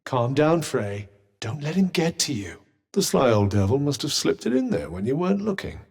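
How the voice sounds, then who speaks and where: This male voice, on the high side and at normal speed, plays a sardonic, haughty talking magical cuff in a video game, well-spoken with a British accent. He sounds exasperated, with animated intonation and a lightly husky tone, his full character voice dry, sarcastic, condescending, and theatrical.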